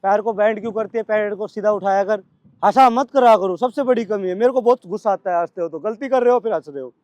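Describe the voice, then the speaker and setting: A male coach with a Delhi Hindi accent calling brisk commands and scolding his trainees at practice. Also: high voice, darkish tone, dry recording, dull audio.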